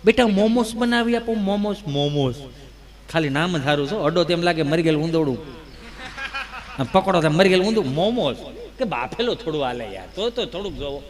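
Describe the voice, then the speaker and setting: A man's voice: a little high, animated, fast talker. A man performing a folksy stage comedy monologue and teasing the audience. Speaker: folk comedian.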